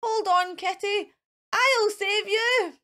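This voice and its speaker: A woman's voice: extremely high pitch, slow, sharp tone, voice pushed up, heavily acted. A woman voicing an eager, boastful male wolf who plays superhero in a children's storybook, earnest and a little theatrical. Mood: excited, calling out.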